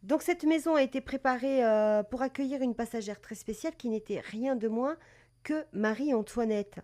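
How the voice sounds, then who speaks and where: A woman's voice: fairly high pitch, normal speed, a little mellow. Chatty woman hosting a live stream. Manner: chatty, many fillers and self-corrections, greets viewers. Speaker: live streamer presenting cat breed history. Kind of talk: casual live-stream talk.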